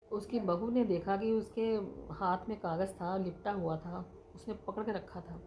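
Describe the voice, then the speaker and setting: Low-voiced woman telling a story. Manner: halting, with many restarts. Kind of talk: casual spoken storytelling. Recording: noisy background.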